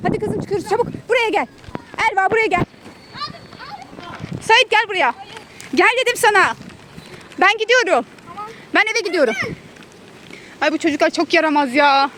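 A woman's voice: extremely high pitch, moderate pace, pauses often, sharp tone. A mother filming her children outdoors, calling after them, scolding and laughing in a casual family vlog. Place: outdoors in a park or picnic area. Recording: noisy outdoor phone recording.

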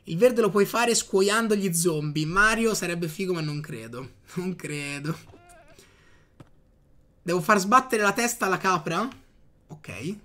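A man giving casual gameplay commentary, chatting to his viewers with excitable outbursts. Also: high voice, normal speed. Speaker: gaming youtuber.

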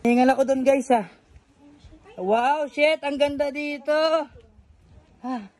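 A man from the Philippines vlogging outdoors on a beach island, narrating excitedly and calling out to friends and viewers on a handheld camera. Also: very high voice, slow pace. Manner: exclaiming, calls out to friends and viewers. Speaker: travel vlogger. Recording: wind and surf noise outdoors.

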